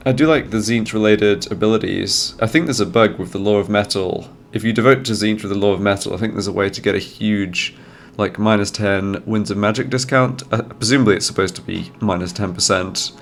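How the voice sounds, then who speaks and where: A gaming channel host with a cold plays a strategy game, thinking out loud and explaining every move in casual commentary. His voice is on the low side and slightly nasal, with vocal fry, and he talks briskly with few pauses.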